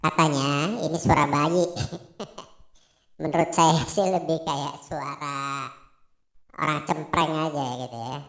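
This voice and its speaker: A man amusedly testing a very high-pitched baby-voice filter. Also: fairly even intonation, slow pace, fairly bright tone, echoey room. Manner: amused, laughing at the effect.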